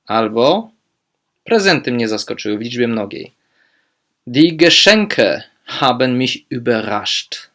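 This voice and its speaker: A man teaching language, speaking German phrases slowly and clearly, then explaining them with quick asides. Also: medium pitch, sing-song, sharp tone. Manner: slow, modelling German phrases deliberately, quick asides in Polish.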